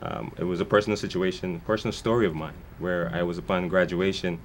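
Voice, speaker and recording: A man's voice: low voice, fairly even intonation, fast, slight background noise. A man born in Guyana, a foundation founder speaking as a guest in a television interview, talking earnestly in long winding sentences with many restarts.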